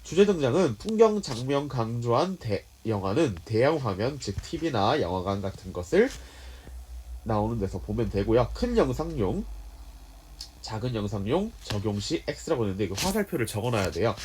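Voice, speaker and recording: A man's voice: mid-range voice, very animated, normal speed, darkish tone, a little hiss or hum. A male English teacher in an exam-prep lecture, politely telling students what notes to write. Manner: polite explanatory, dictating notes.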